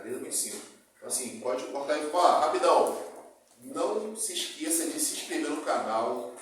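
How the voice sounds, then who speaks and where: A man with a Brazilian Portuguese accent teaching a class, often checking in with his students and repeating examples. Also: mid-range voice. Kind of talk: classroom lecture. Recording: very echoey room, distant mic, faint noise.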